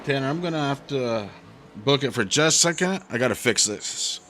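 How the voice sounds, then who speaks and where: A man leads a live sim-racing broadcast over a headset, running briskly through the standings and the names on track. His voice has a bright, forward edge at an ordinary pitch. Faint hiss sits behind it. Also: lively intonation. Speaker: lead race commentator.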